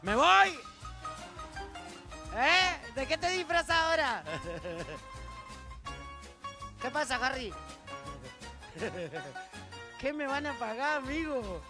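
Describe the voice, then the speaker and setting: A man's voice: very high voice, very animated, takes it slowly, long pauses. A man with an Argentine accent telling crude jokes and teasing the crowd from an outdoor festival stage. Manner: crude, teasing, shouted asides. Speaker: stage entertainer. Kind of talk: live stage banter and jokes. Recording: live concert with music. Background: music and crowd.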